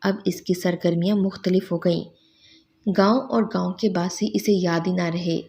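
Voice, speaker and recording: A woman reading a sad story aloud in a soft, even, sorrowful narration. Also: lowish voice.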